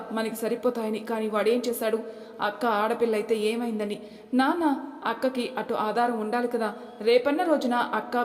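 A woman's voice: a little high, lightly acted. A woman voicing a stern older father who lectures his family with rhetorical questions, in an echoey room. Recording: echoey room, long reverb.

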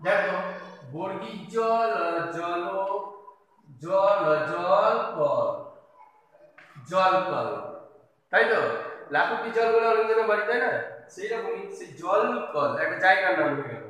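A man's voice: high-pitched, fairly quick, pushed and bright. A man teaching a kindergarten video lesson, patiently spelling out letters and words one by one. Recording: echoey room from a distance.

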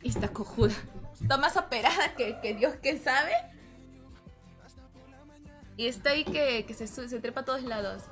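Woman game streamer, high and bright, chatty and teasing, light music under her voice. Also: normal speed, long pauses. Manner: chatty, teasing, calls viewers "hermano". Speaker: gaming livestreamer. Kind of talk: casual live-stream chat with viewers. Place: home room with her cat nearby.

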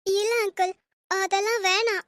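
A woman's voice: very high voice, steady tone, unhurried, a bit bright, no room sound, studio quality. A woman voicing a timid young bride in a cartoon, speaking meekly and hesitantly. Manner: meek, hesitant. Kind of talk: cartoon voice acting.

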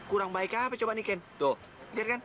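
A man's voice: sits high, fast talker, background noise. An actor playing a cheeky young man who teases his friends while playing matchmaker. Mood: teasing. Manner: teasing, boastful, lively banter. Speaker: actor in comedy drama.

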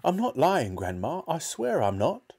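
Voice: mid-range voice, huge pitch swings, unhurried, gravelly, darkish tone, slightly rough, voice pushed up, heavily acted. A reader voicing an earnest, defiant young boy, somebody's grandson, in a children's storybook. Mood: insistent, defiant.

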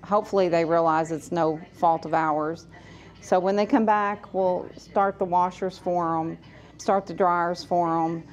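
Lower-voiced woman owner chatting on a vlog. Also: steady tone, unhurried. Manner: chatty, explains step by step to the camera. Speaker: laundromat owner. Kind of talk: casual vlog talk. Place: inside a laundromat.

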